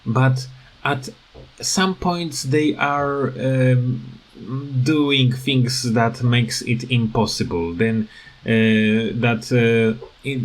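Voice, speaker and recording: A male video creator gives commentary, talking through his opinions in an informal, unscripted rant. He speaks slowly and haltingly, repeating words while he hunts for the next phrase, and his pitch sits in a typical middle range for a man.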